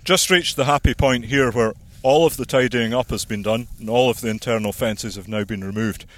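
Male farmer, outdoor walk-and-talk, measured, practical explainer, slightly winded. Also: medium pitch. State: slightly out of breath. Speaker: farmer and landowner. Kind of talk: walking outdoor conversation. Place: outdoors on a hillside plantation.

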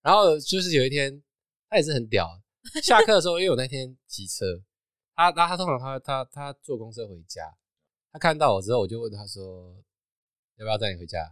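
A man with a Taiwanese Mandarin accent tells his own stories in a podcast chat, laughing often. His voice is bright and lively, and the pitch jumps around as he talks fast. The sound is dry and close. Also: dry recording. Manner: animated storyteller, laughs often. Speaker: podcast co-host. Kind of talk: casual chat.

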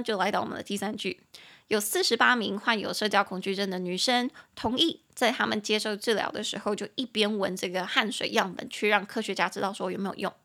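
A young woman hosting a casual language lesson podcast, chatting freely and slowing down to say example sentences carefully. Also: mid-range voice, pushed and bright. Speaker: English teacher podcast host.

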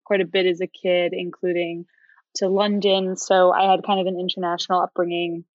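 A woman's voice: fairly low pitch, level tone, moderate pace, no room sound, highs cut off. An American woman co-founder answering interview questions casually, with lots of filler words. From United States. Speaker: company co-founder.

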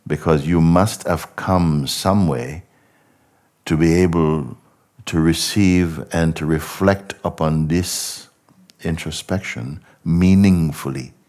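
A bass-voiced spiritual teacher gives a contemplative talk, speaking slowly and reflectively. He poses many rhetorical questions and frequently lets his words trail off softly.

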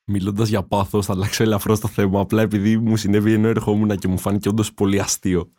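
A man's voice: lowish voice, little pitch movement, warm tone. A young man co-hosting a casual podcast, telling stories in a laid-back, teasing way. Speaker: podcast co-host. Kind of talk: casual storytelling chat.

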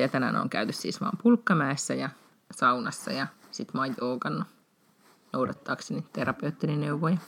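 Low-voiced woman chatting casually. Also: a little hiss or hum. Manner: chatty, laughs often, many restarts. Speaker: podcast host. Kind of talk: casual podcast chat.

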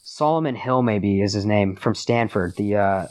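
A man's voice: on the low side, moderate pace, a little mellow. A young American man chatting casually and telling stories in laid-back bro talk, full of "dude" and "like.". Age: young adult. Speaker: podcast guest, sports podcast host.

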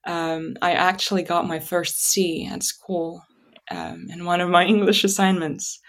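A woman whose native language is Russian speaks in a slightly low voice. She tells stories about herself conversationally, pausing and thinking aloud as she goes. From Kazakhstan. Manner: halting, reflective, thinking aloud. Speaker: interview guest. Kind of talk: conversational personal storytelling.

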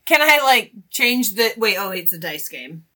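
A woman's voice: medium pitch, big pitch swings, moderate pace, bright, forceful tone. A woman playing a tabletop role-play game, talking casually and a bit hesitantly. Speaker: player.

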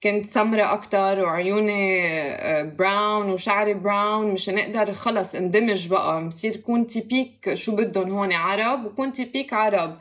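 A Lebanese woman speaks quickly and with lively energy, her voice sitting in a middle range. She is an actress chatting as a guest and slips English phrases into her talk. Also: mid-range voice. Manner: animated, mixes in English phrases. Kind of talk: casual interview talk.

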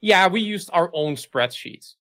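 Bright-voiced man. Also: high voice, lively intonation, unhurried. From Czech Republic. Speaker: guest, business owner. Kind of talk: interview answers.

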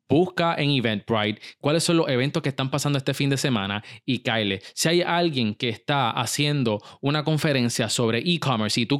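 A man hosts a motivational business podcast. His voice is smooth and resonant, and he coaches the listener in a direct, second-person way. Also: mid-range voice. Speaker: podcast host.

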